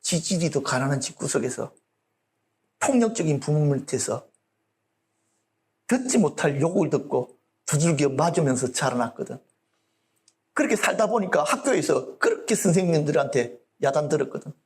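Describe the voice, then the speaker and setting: A male pastor preaching a blunt, colloquial sermon and often checking that the audience agrees. His voice sits fairly high, swings widely in pitch and has a gravelly edge. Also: lively intonation, normal speed, long pauses, darkish tone.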